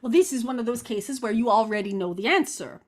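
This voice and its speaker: A woman channeling guidance like a seance medium, with formal, deliberate, stilted phrasing. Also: a little high, expressive. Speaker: trance channeler giving guidance.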